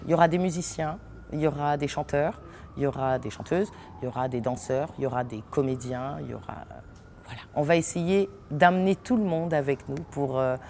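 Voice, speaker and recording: Briskly and in a deep voice, a French Guianese woman, both actress and theatre company owner, answers an interviewer in an unfinished theatre hall. She laughs a lot, hesitates often, and stays lively throughout, with slight background noise.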